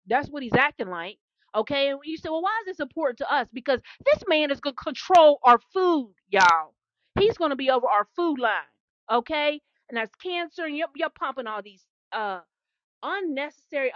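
A woman's voice: high-pitched, no echo, dull audio. A woman who calls herself a prophetess, preaching with fervent, repetitive energy and call-and-response asides. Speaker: self-described prophetess. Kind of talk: impassioned preaching monologue.

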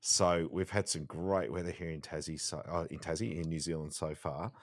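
Deep-voiced Australian podcast host. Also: male voice, normal speed, no room sound, clean studio sound. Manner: chatty storyteller, animated and jokey. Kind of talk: casual chat.

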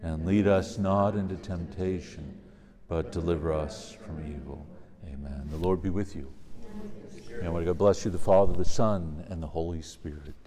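A man leading a group in prayer with a measured, solemn intoning delivery, his voice carrying a cathedral echo. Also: sits low, fairly even intonation, over music.

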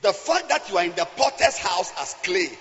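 A man with a West African accent preaching a fiery, animated sermon, emphatic and repetitive, swinging from shouts to hushed asides. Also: sits high, moderate pace. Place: large indoor church hall. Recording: echoey hall, slightly dull sound.

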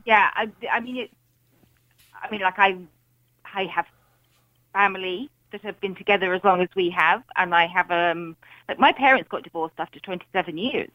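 A woman's voice: on the low side, moderate pace, no echo. A middle-aged woman with an English accent chatting casually as a caller to a radio phone-in. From England. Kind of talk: casual conversational anecdote. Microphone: telephone. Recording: dull lo-fi phone-in line.

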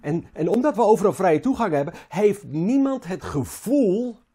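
A man preaching a Bible sermon. His voice is husky and mellow, with pitch slightly high for a man. He halts and repeats words, pushing some phrases hard and letting others sink low. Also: big pitch swings. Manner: halting, repeats words, rises and falls in emphasis.

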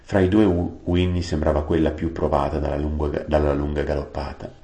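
A man narrating a storybook aloud, unhurried, adding plain-word glosses. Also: a bass voice, flat delivery, warm tone. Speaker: audiobook reader. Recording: roomy echo.

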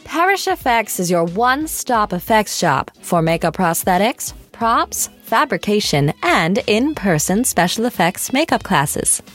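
Woman doing an ad read, bouncy voice, soft music under it. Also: medium pitch, sing-song, a little slow, few pauses. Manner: upbeat salesy delivery. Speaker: ad announcer. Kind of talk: scripted ad read.

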